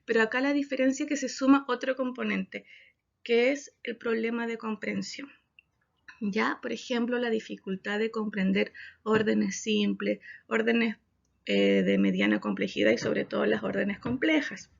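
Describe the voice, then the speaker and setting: Woman, speech therapist, parent workshop, patient explaining, gravelly voice, muffled lo-fi recording. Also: on the high side, steady tone, normal speed. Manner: explanatory, frequent "¿ya?" check-ins. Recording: dull lo-fi recording.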